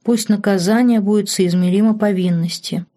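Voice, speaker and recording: A man's voice: high voice, fairly even intonation, moderate pace, warm tone, close to an everyday voice. A woman reading a cold, growling demonic duke. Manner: cold, harsh commands.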